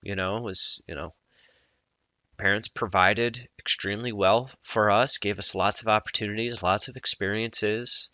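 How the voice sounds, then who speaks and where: Slow, bright-toned man coaching. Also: lowish voice, fairly even intonation, no echo. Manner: earnest, halting, reflective. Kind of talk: personal reflective vlog monologue.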